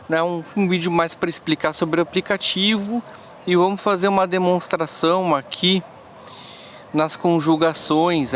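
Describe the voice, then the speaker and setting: A man with a slightly raised voice talks through a language app tutorial. He explains slowly, restarting phrases as he goes. A faint hum sits behind him. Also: on the high side, fairly bright tone. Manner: slow, halting explanations with frequent restarts. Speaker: language teacher. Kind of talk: screen-recorded app tutorial.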